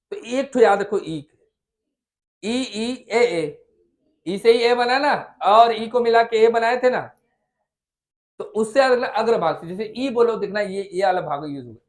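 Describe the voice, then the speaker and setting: High-voiced Hindi tutor checking on students. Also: male voice. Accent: Chhattisgarh Hindi. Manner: coaxing, repeats vowel sounds aloud, checks understanding. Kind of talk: classroom lesson. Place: classroom with students.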